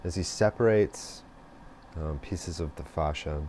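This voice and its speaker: A man hosting a reflective monologue, speaking slowly and thoughtfully with many pauses and fillers. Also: a bass voice, a little mellow, a little hiss or hum. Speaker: host.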